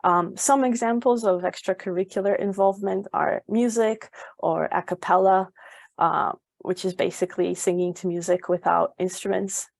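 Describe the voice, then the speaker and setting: A woman's voice: medium pitch, steady tone, normal speed, vocal fry, a little mellow, no echo. A young woman from Poland giving a webinar as an education advisor, informative and full of ums and uhs. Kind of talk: webinar presentation.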